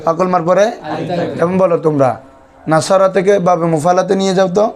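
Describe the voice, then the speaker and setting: A man's voice: high voice, steady tone, brisk, a crowd in the background. A man teaches a grammar class. He drills his students, repeating key terms and asking them back for answers. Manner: quizzes students with repeated questions. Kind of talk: classroom lesson.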